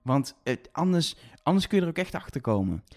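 A man with a soft-g Brabant accent, chatting as a podcast co-host in an analytical, hesitant way. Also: on the high side, very animated, brisk. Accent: Brabant Dutch, soft g. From Brabant, Netherlands. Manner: analytical, hesitant with many fillers. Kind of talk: casual chat.

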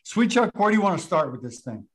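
A man's voice: sits high, very animated, fast, fairly bright tone, breathy edge. A man hosting a podcast, moderating the talk in a casual, chatty way. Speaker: podcast host.

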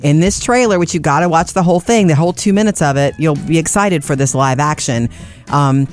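A woman's voice: deep voice, brisk, soft background music. A woman co-hosting a radio show, chatting about entertainment in an emphatic, gushing way.

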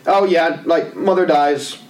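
A man's voice: fairly high pitch, measured pace, far from the mic, slight background noise, rough recording. A man co-hosting a casual movie-review podcast, sarcastic and swearing, mimicking characters' lines. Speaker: podcast co-host.

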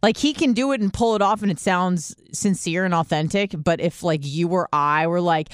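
Woman, podcast host, casual gossip, rambling, swearing, smooth tone, dry sound. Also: lowish voice, moderate pace, dry recording. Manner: rambling, swearing, gossipy, with mocking put-on voices. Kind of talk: casual chat.

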